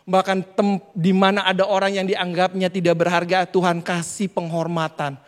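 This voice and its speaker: A male preacher giving a sermon, telling a lively story and talking directly to the congregation. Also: high voice, normal speed. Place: church hall. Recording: reverberant church hall.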